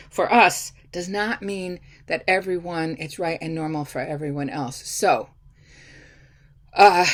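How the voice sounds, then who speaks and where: A middle-aged woman giving a lecture to her class in a casual, chatty way, with many fillers and restarts. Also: fairly low pitch. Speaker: instructor.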